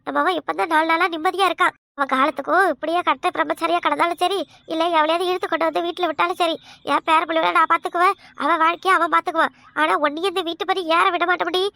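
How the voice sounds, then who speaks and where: A shrill, gravelly village mother-in-law, voiced by a woman with a Kanyakumari Tamil accent, firing off scornful insults at speed. Her voice is sharp and very high, recorded close and dry, like a cartoon comedy dub. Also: steady tone, fast, no room sound, full character voice. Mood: scolding. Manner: scornful, scolding, harsh insults.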